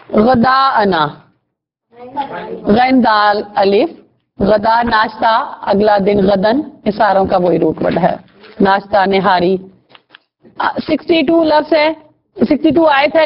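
Woman teacher spelling out word roots, lo-fi. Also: fairly high pitch. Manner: patient, repeats words and spells out root letters. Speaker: Quran teacher. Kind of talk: classroom lesson explaining Arabic words. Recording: dull lo-fi recording.

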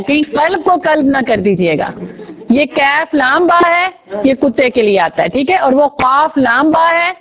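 A woman teaching Quran vocabulary, explaining Arabic word roots, asking her students questions and praising their answers. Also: high-pitched. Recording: dull lo-fi recording.

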